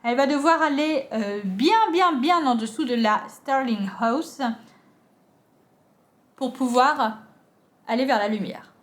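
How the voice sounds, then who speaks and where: A woman's voice: sits high, expressive, slow, long pauses. A French woman chatting casually as a book vlogger, unboxing with many fillers and restarts.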